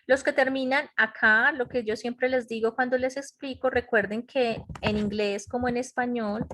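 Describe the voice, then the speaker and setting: A woman's voice: fairly high pitch, steady tone, moderate pace, fairly bright tone. A woman teaching English grammar in an online class, explaining step by step and checking in with her students. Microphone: computer mic in a web conference.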